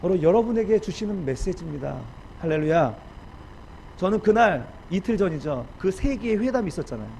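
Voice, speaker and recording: A man preaching a sermon as pastor, emotional and at times rising to loud pleading. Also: sits high, expressive, fairly quick, vocal fry, slight background noise, rough recording.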